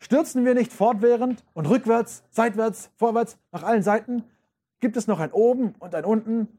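A man's voice: high-pitched, warm tone, pitched above the performer's own voice. A man voicing a frantic male madman who proclaims God's death in impassioned rhetorical questions.

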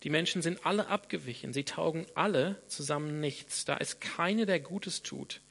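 Preaching in German, this English-speaking Australian pastor in his thirties keeps restarting and repeating words as he works out his thoughts aloud, with an Australian accent throughout. His voice is fairly high and a bit bright, with vocal fry, at normal speed.

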